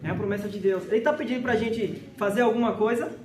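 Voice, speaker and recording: A man from Brazil preaching a sermon, emphatic, slowly repeating each verse reference. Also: high-pitched, a little mellow. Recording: echoey hall with faint noise.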